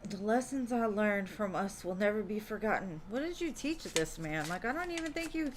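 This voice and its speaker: A woman with a medium-pitched, expressive voice gives live tarot readings at a moderate pace over slight background noise. She chats casually, says "like" and "um" a lot, and refers to her viewers as "love."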